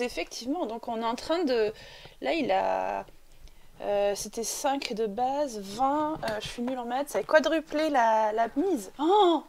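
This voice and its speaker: Woman, gameplay commentator, casual, chatty, fairly high voice, sniffling, talks to the characters. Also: darkish tone, slight background noise. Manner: chatty, talks to the game characters and coaxes them. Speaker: let's play commentator.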